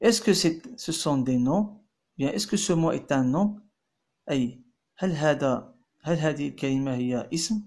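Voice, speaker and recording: A man teaches French grammar, his voice sitting somewhat high for a man. He reads example sentences slowly, repeats them, then switches to quick Arabic to translate and explain. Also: darkish tone. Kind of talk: bilingual grammar lesson.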